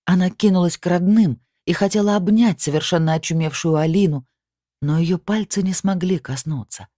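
A man reading a novel aloud as an audiobook narrator, steady and even. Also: high voice, moderate pace, no room sound, clean studio sound. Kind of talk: scripted narration.

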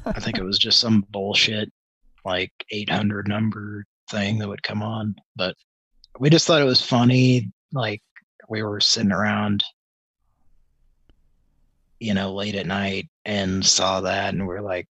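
Husky-voiced man telling old stories. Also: fairly low pitch, dry recording, poor audio. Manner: relaxed, drawn-out anecdote telling. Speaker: podcast co-host. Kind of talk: casual chat. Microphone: video call.

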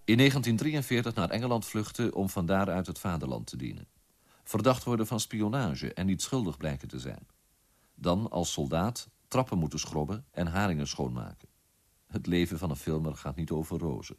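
A man reading scripted documentary narration in a measured, formal way. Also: sits low, very animated.

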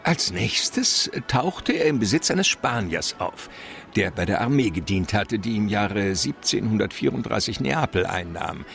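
In a German crime radio play, an actor portrays an effusive, wily gentleman mastermind who lectures in florid, theatrical phrases. His voice is medium-pitched with noticeable vocal fry.

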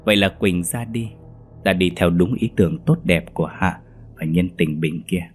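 Low, husky male narrator for a ghost story; measured and steady. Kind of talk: scripted horror narration. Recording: faint music behind.

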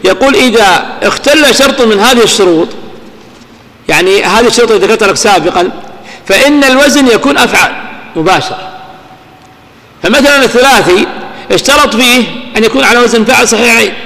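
A man, speaking in a high voice, lectures on grammar. He quizzes his listeners with rhetorical questions and slows down to recite verses. His voice rings through a hall with a long, lingering reverb. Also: animated, sharp tone. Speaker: grammar teacher. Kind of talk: recorded classroom lecture.

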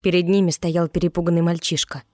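An audiobook narrator reading fantasy prose in a measured, descriptive way at a middle pitch. The voice sits close to the microphone in a completely dry space. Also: little pitch movement, a little mellow, no echo.

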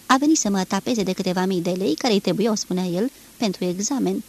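A woman reading the part of a weary, resigned man who speaks in a flat, neutral way in an audiobook. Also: high voice. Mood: flat recounting. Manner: flat, neutral, matter-of-fact. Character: weary middle-aged man, detached and resigned.

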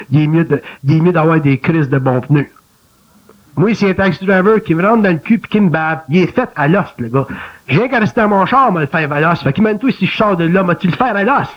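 A man with a Québécois accent speaking in a colloquial, animated way in an interview, mimicking inner voices. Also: on the high side, a little fast. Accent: Québécois French. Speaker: guest speaker. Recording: dull lo-fi archival recording.

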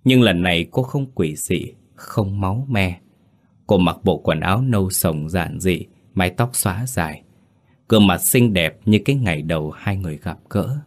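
A man reading scripted horror story narration in a slow, grave storytelling manner. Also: low voice, lively intonation. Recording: faint background music.

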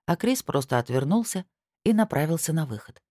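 A woman's voice: low-pitched, very animated, fairly quick, dark tone, dry recording, clean studio sound. A woman reading a first-person fantasy audiobook, narrating expressively. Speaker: audiobook reader.

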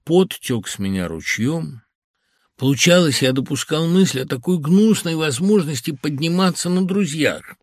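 A man reading an audiobook in a measured, even storytelling voice on a close studio mic. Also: a little high, no room sound. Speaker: audiobook reader. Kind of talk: audiobook narration.

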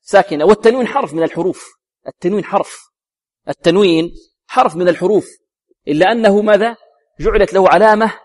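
Man teaching Quran recitation, slightly high voice. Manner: asks rhetorical questions and answers them himself; demonstrates recitation slowly, repeating words. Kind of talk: tajweed lesson.

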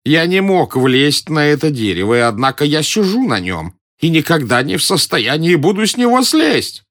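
A man's voice: on the high side, sing-song, normal speed, fairly bright tone, voice pushed up. A man playing a timid, pedantic elderly male professor in an audiobook, whining and indignant. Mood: fussy, whiny. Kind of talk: audiobook character voice.

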